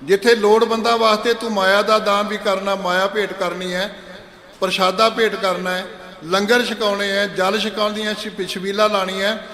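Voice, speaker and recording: Man, sermon, high voice, slow chanted verses, long hall reverb. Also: level tone, pushed and bright. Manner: chants verses slowly, then explains in conversational Punjabi. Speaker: Sikh preacher giving katha. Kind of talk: sermon expounding scripture. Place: large gurdwara hall.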